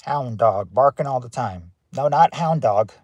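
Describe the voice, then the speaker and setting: A man's voice: mid-range voice, animated, a little slow, darkish tone, no echo. A man hosting a casual family game show on a livestream, reading out answers and greeting viewers by name from his parked car.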